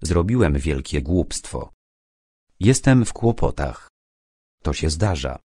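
Cornered suspect, man, stammering and defensive, done by an audiobook reader, low voice. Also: very animated, slow, warm tone, breathy edge, dry recording, clean studio sound, full character voice. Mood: resigned.

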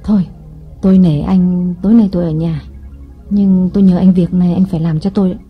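A woman voicing a calculating young wife in an audiobook, speaking in a coaxing, deliberate way. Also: fairly low pitch, fairly even intonation, slightly rough. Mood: casual. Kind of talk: audiobook reading. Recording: dull lo-fi audio with faint music.

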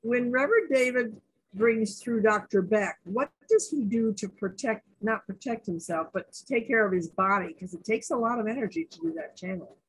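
A woman's voice: a little high, expressive, moderate pace, breathy edge, poor audio. A woman taking part in a forum, asking a question and adding short remarks of agreement. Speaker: forum participant.

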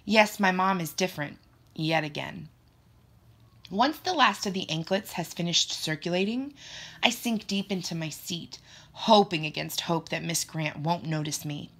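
A woman narrating a first-person children's story in an expressive, playful way. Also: on the low side, unhurried. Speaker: audiobook narrator.

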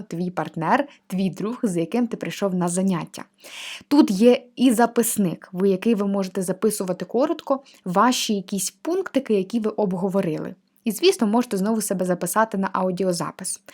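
A young female teacher walks through an online course, explaining each exercise type in a friendly, patient way. Her pitch is middling, and she talks plainly and clearly. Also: darkish tone. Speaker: language teacher reviewing a course platform. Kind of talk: screen-share walkthrough of a textbook.

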